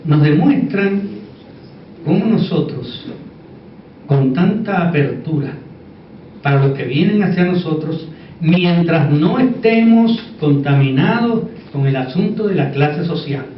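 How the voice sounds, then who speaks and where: A man's voice: a little high, animated, slow. A man with a Puerto Rican Caribbean Spanish accent giving an informal conference talk, conversational, repeating words for emphasis and checking that listeners agree. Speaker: conference speaker. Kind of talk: informal conference lecture with asides. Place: echoey indoor conference room. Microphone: distant microphone. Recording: echoey room, distant dull mic, faint noise.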